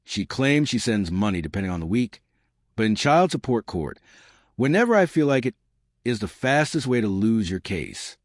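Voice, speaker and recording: Dramatic low-voiced male commentator. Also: very animated, normal speed, no echo, clean studio sound. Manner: dramatic, rhetorical questions. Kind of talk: scripted narration.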